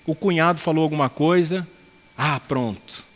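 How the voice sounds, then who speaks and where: Brief: male pastor, earnest and chatty, fairly high voice, big reverberant hall. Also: moderate pace. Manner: earnest, conversational, draws on folksy anecdotes. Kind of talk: expository sermon.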